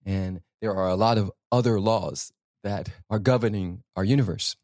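This impromptu motivational talk comes from a man hosting a spiritual self-help podcast, delivered emphatically like a preacher with repetition and rhetorical questions. His voice is lowish and a little mellow at normal speed, in a dry, clean studio recording.

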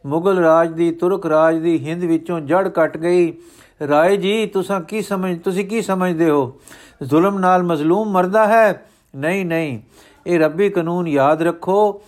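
A man reading the lines of a revered guru father, solemn and declamatory in a steady manner. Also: high-pitched, measured pace. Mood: commanding.

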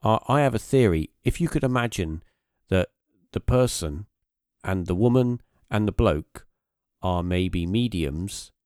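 A man's voice: deep voice, expressive, unhurried, a little mellow, clear, resonant tone, no echo, studio quality. A man, hosting a podcast and recounting a story casually, rambling with many fillers and restarts. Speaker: podcast host.

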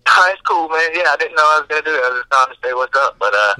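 A man's voice: a little high, animated, very fast, pushed and bright, low-quality recording. A man calling in over a phone on speakerphone, chatting casually and laid-back, often saying "man" and "dude". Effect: heard over a phone on speakerphone. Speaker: phone-in guest.

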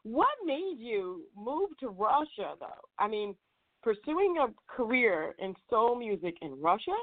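A woman's voice: fairly high pitch, sing-song, a little slow. A woman hosting a radio podcast, talking in a chatty, casual way as she leads an interview. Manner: chatty, frequent fillers and restarts. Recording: tinny phone-like audio.

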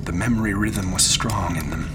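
In a radio horror drama, a male actor with a low, natural voice plays a haunted explorer narrating a terrifying ordeal. His phrasing is intense and deliberate, sometimes hushed, and the mood is tense. Background noise and ambience come through clearly.

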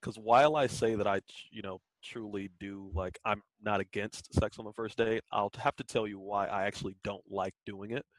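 A man's voice: on the low side, steady tone, fairly quick, few pauses, no room sound, low-quality recording. A man co-hosting a podcast, talking candidly and loosely with lots of fillers in casual chat. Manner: candid, rambling, many fillers. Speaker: podcast co-host.

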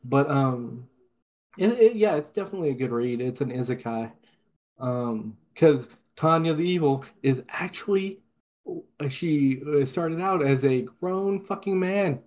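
A man hosting a casual podcast, relaxed and halting, often stammering and restarting. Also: on the high side. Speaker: podcast host.

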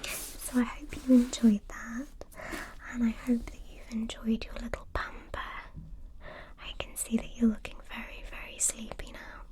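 A woman speaking in a soft, soothing spa whisper, gently, as in a whispered ASMR role-play for personal attention. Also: a little high, level tone, moderate pace. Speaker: ASMR host.

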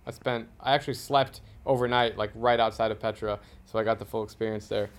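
A man's voice: fairly low pitch, fairly even intonation, brisk. A man hosting a podcast, talking about travel in an eager, emphatic way and steering the conversation. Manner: enthusiastic, emphatic travel talk. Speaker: podcast host. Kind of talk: casual interview conversation.

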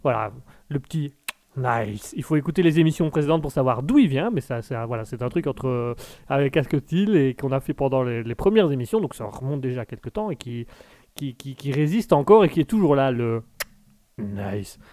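A man's voice: medium pitch, animated, fast, dark tone, dry recording. A man hosting a live online talk show, rambling and often repeating words. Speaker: host.

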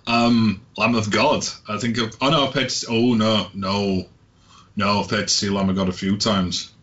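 A man's voice: lowish voice, fairly even intonation, normal speed, fairly bright tone. Laid-back sweary man chatting, lo-fi sound. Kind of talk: casual chat. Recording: dull lo-fi sound.

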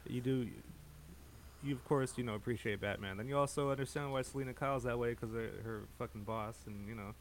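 A man's voice: mid-range voice, fairly quick. A man with a mid-range voice discussing films casually. He often stops and restarts his sentences and swears. The talk is loose and conversational.

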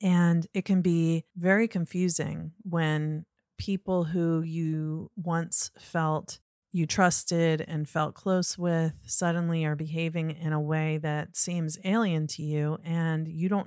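A woman's voice: low voice, dry recording, studio quality. An American woman hosting a podcast in a conversational style, introducing and interviewing as she goes. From Norfolk, Virginia, United States.

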